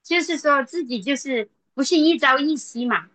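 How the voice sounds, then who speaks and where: Woman giving testimony at a Bible study, halting with fillers, bright voice, dry recording. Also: sits high, no room sound, poor audio. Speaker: church member sharing testimony.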